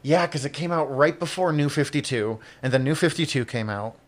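A man's voice: fairly high pitch, a little fast. A man co-hosting a podcast, rambling through his thoughts, swearing often and laughing a lot. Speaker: podcast co-host. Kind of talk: casual chat.

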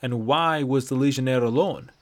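A man's voice: mid-range voice, moderate pace, lightly acted. A man voicing a sardonic old male Nord traveler with a dry, lecturing manner, in a read-aloud fantasy story. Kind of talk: audiobook character voice.

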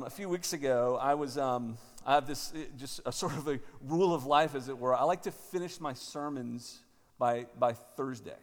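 Man, 30s, pastor, rough gravelly tone, hesitant talker, cathedral echo. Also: mid-range voice. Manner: halting, with many fillers and restarts. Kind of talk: conference talk and prayer. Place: large parish church. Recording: cathedral echo, long church reverb.

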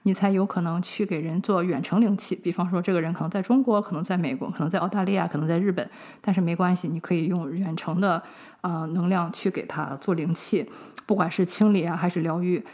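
A woman's voice: lowish voice, quick pace. A young adult woman from China, hosting a podcast and chatting through a personal story, acting out remembered conversations. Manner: chatty, fillers and animated retold dialogue. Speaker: podcast host.

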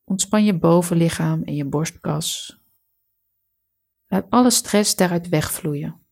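A woman with a lowish voice and a gravelly creak leads a guided meditation. Her delivery is calm and soothing, with each instruction measured out for relaxation.

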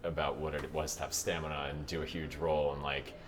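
A man in his thirties, an opera singer, telling his career story in a relaxed, rambling way with lots of "like" and easy laughs. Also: a bass voice, fast talker, slight background noise. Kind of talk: casual interview chat.

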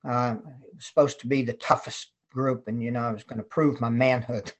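A man's voice: medium pitch, fairly even intonation, fairly quick. Elderly man from West Virginia reminiscing. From West Virginia, United States. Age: over 70. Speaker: guest, retired Marine colonel. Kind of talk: casual reminiscing in an interview.

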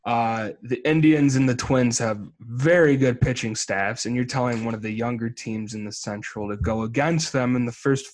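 A man of twenty, co-hosting a casual sports podcast, teasing and animated, stammering as he tries to cut in. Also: medium pitch, normal speed, hardly any pauses. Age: 20s. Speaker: podcast co-host.

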